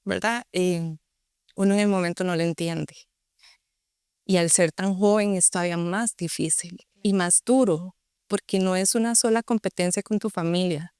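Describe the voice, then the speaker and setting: A woman's voice: on the low side, a little mellow, clean tone, dry recording, studio quality. A young woman with a Costa Rican accent, earnestly telling her personal story as an interview guest. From Costa Rica. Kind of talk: personal testimony.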